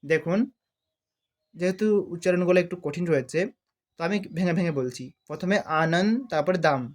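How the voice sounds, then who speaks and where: A man with a Bengali accent teaching a devotional song on harmonium, naming the sargam notes and singing each phrase slowly to show it. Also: a little high. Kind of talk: music lesson, speaking and singing along. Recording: harmonium playing loudly behind the voice.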